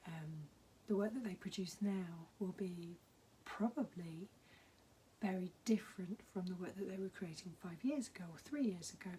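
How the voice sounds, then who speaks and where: A hoarse woman with a husky, half-whispered voice, gently giving encouraging advice in a casual vlog. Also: on the low side, moderate pace, a little hiss or hum, poor audio. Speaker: mentor.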